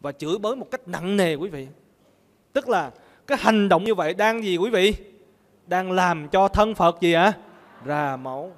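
A man's voice: sits high, lively intonation, normal speed, long reverb tail. A man, a Buddhist monk, gives a sermon and keeps asking the audience questions that he then answers himself. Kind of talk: sermon with call-and-response questions.

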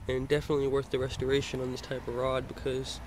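A young Florida man talks at a quick pace in a mid-range, totally flat voice while displaying his fishing gear inside a car. It's a casual, rambling show-and-tell full of hesitant fillers, shot on a handheld phone pointed at the gear, and the recording is noisy.

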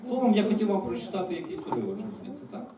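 Man, children's author, reading a story aloud, expressive, lively pitch, echoey room, distant mic. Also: racing, noisy background.

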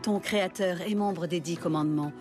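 Self-assured cartoon sorceress, female actor, slightly low, composed and dryly commanding, music underneath. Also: moderate pace, lightly acted. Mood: cool, guarded. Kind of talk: French anime dub.

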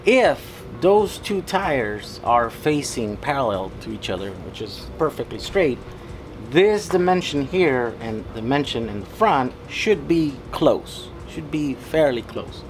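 A man's voice: mid-range voice, very animated, slow, a little hiss or hum. A man in his thirties, a vlogger, casually explaining a hands-on repair job in his home garage and thinking aloud as he works. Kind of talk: casual DIY vlog.

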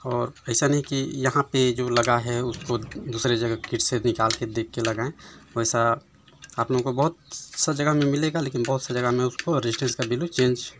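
A man's voice: mid-range voice, steady tone, normal speed, noisy background. Chatty man explaining TV repair. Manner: conversational, keeps adding "है ना" and "दोस्तों". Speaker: TV repair instructor. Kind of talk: casual repair tutorial. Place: workshop bench, voice behind handheld phone camera.

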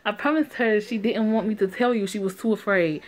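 A woman voicing a guilt-ridden young woman who apologizes and pleads for calm. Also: medium pitch, a little fast, pitched above the performer's own voice, lightly acted, low-quality recording. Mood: pleading.

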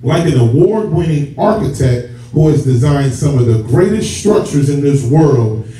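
A man serving as church elder preaches in a mid-range, expressive voice with a dark tone at a moderate pace. His style is conversational and direct toward the congregation, with key words drawn out for emphasis. A camera far back in the sanctuary, which has a stage and rows of seats, captures echoey, muffled, noisy sound.

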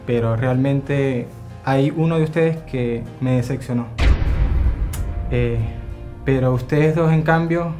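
A polite, measured young businessman, played by a man in a scripted web drama. He speaks at a mid pitch, with faint guitar music behind him. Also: close to an everyday voice. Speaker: customer Carlos.

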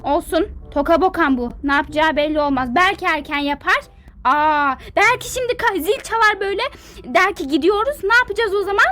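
A woman doing a shrill, bossy, hyper young model. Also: lively intonation, a little fast, sharp tone, exaggerated voice. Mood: fussy. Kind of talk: game character role-play dub.

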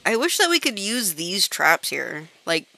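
A woman's voice: mid-range voice, big pitch swings, a little slow, vocal fry, pushed and bright, rough recording. A woman hosting a casual gaming let's-play, giggling often and swearing freely as she chats. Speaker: gaming channel host.

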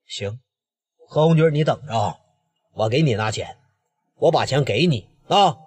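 A man voicing a protective, hot-tempered gang leader with a Northeastern Mandarin accent, speaking low and steady. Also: normal speed, slightly rough, big-room sound. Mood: stern. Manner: low and steady, turning fierce.

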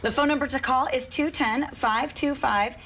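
A woman's voice: high voice, moderate pace, a bit bright, slight background noise. A middle-aged woman hosting a local TV lifestyle segment, upbeat and promotional, on a lapel mic in a studio. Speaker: TV morning show host. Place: TV studio set, in doors.

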